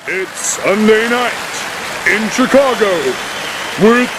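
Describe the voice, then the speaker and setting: A man playing a comedy club announcer giving a drawn-out show introduction. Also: sits high. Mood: hyped. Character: loud male comedy club stage announcer. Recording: noisy live room with crowd.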